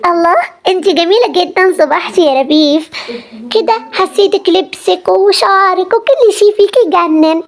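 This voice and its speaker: A woman doing a very high, childlike little sister. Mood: cheerful. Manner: childlike, pleading, quick and breathless. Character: young girl, anxious loving little sister. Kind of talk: amateur game drama voice acting.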